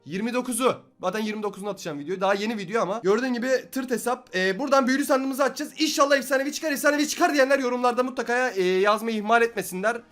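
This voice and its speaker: A young man talks fast and high over faint background music. He commentates his gameplay, bursting into shouts and then dropping to mutters. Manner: excitable, swings from shouting to muttering. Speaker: gaming YouTuber.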